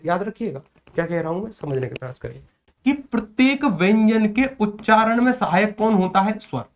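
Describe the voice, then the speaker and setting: A man's voice: high voice, a little mellow. Guy teaching a hindi exam class, asks then answers his own questions, says stuff twice, drags out letter sounds. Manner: asks questions and answers them himself, repeats key points; sounds out letters slowly and drawn out. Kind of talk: exam prep lecture.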